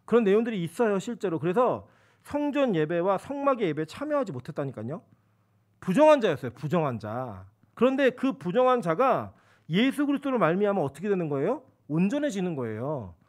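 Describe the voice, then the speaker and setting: A male pastor delivering a sermon in a church in an easy, talking-to-friends way. His voice sits high for a man and moves through a wide, lively range. He often drops into acted-out voices for the characters in his examples. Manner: conversational preaching, acts out quoted voices. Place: church sanctuary.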